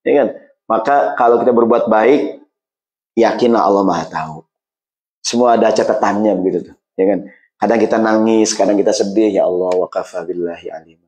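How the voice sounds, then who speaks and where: Lively man preaching. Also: fairly low pitch. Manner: keeps asking the listeners "right or not?"; acts out quarrels in everyday voices. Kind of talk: casual humorous sermon.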